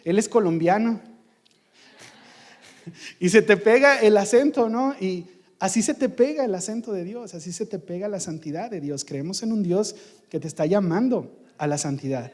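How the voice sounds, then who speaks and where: A man's voice: sits high, animated, moderate pace, a little mellow, long reverb tail. A man preaching a sermon in church, emphatic, with rhetorical questions and repetition. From Mexico. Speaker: pastor.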